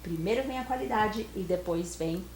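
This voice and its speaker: Lively woman teaching English. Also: mid-range voice, moderate pace, crowd noise. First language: Portuguese. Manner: lively, encouraging, quizzing her partner. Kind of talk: casual bilingual lesson chat. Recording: echoey room, faint noise.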